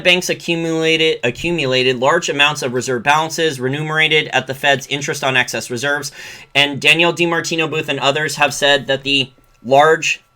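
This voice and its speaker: A man's voice: mid-range voice, sharp tone. A man giving solo commentary, reading from a report and breaking off into sarcastic rants. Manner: sarcastic, ranting asides. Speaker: finance commentator.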